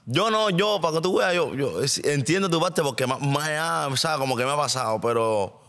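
A man chats casually as a podcast guest, his pitch rising and falling a lot as he tells stories. He stops and restarts often, piling up half-sentences before getting to the point. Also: brisk. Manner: rambling, animated storytelling with many restarts. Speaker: guest artist. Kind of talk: casual chat.

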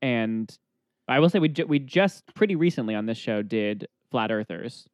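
A man chatting casually as a podcast panelist, thinking out loud. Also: medium pitch, animated, moderate pace, no room sound, muffled recording. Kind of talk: casual chat.

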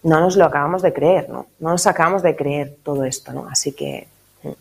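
A woman leads a faith course in a relaxed, conversational way. Her voice sits a little low, and she talks in lively runs, often checking in with her listeners. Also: a little fast, gravelly, slightly rough. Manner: lively, conversational, tags phrases with "¿no?". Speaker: catechism course teacher. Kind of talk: casual spiritual talk.

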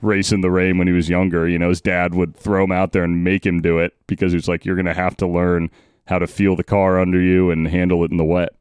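Low, smooth male podcast host. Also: level tone, quick pace, darkish tone, no room sound, clean studio sound. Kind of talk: casual sports chat.

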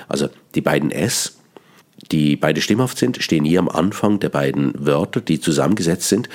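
A man with a Swiss German accent, a cabaret artist hosting a radio column, musing slowly about language and sounding out syllables with relish. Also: a bass voice. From Switzerland (Bern). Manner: slow, deliberate, savoring sounds, sounding out syllables.

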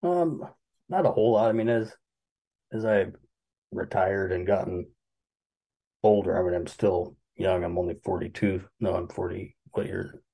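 Deep gravelly man in his forties. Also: normal speed, long pauses, low-quality recording. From Alaska. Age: 40s. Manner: relaxed, musing, with hesitations. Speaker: guest. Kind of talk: casual conversation.

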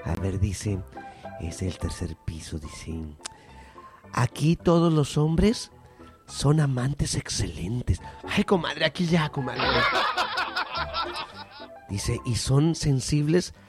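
A man's voice: medium pitch, big pitch swings, slow, pauses often. A man voicing two bawdy, gossiping middle-aged women friends with a Mexican accent in a comedy sketch, trading teasing banter and breaking into cackles and squeals. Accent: Mexican Spanish. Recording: music playing behind the voice.

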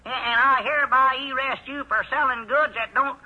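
A simple-minded, easily riled country storekeeper who is also a deputy marshal, in a 1940s radio comedy. His voice is high and bright, with a husky twang and a drawl. It is a dull, lo-fi old radio recording. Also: fairly even intonation, normal speed. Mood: riled folksy.

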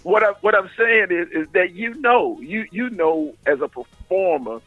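A middle-aged man, a stand-up comedian, telling stories in casual animated chat, laughing often and talking in loose street slang. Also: high voice, a little slow, no room sound, faint music behind. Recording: phone-like radio line.

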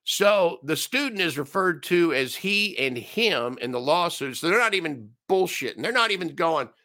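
A man's voice: a little high, lively intonation, normal speed, pushed and bright. A man hosting a solo commentary show, ranting with sarcastic, mocking asides.

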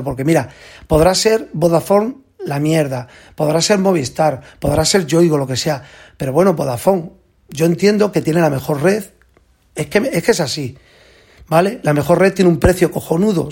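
A man from telling a rambling, excited story, constantly repeating "I said" and "he said". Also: a little high, vocal fry, husky. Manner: rambling, repeats "digo" and "dice"; excited and exclaiming. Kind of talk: casual spoken rant.

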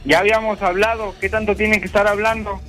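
A man plays a possessive young boyfriend in a radio prank call. He sounds high and bright, curt and snapping. Faint music runs behind him. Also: flat delivery, quick pace. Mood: defensive.

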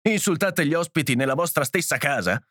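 A man's voice: mid-range voice, expressive, fairly quick, a bit bright, dry recording, studio quality, close to an everyday voice. A man voicing an angry father who speaks brusquely as he defends his family. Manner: brusque, furious.

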